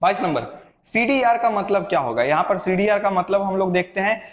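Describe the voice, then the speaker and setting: A man's voice: high voice, fairly quick, reverberant. A male computer teacher leading an exam-prep lesson, explaining step by step, repeating the answers and asking rhetorical questions.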